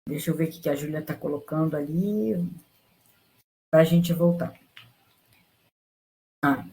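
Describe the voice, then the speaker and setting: A woman's voice: sits low, unhurried, mellow. A woman teacher talks her class through a lesson over an online call. She rambles and stops herself mid-sentence, then starts over. She checks in with her students after almost every point to keep them with her. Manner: rambling, frequent fillers and restarts.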